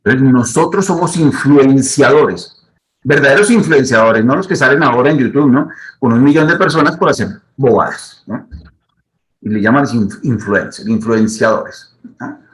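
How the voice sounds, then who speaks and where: A man's voice: medium pitch, expressive, normal speed, low-quality recording. A middle-aged man, a psychologist, giving advice to the camera in a teaching manner and repeating his key points. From Colombia.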